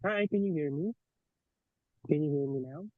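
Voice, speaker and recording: A man's voice: on the high side, normal speed, no room sound. A man joining an online webinar who keeps checking whether he can be heard over a bad, unclear connection. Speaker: webinar participant. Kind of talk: online video call check-in. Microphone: computer or phone mic on a video call. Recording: faint, tinny, broken online call audio.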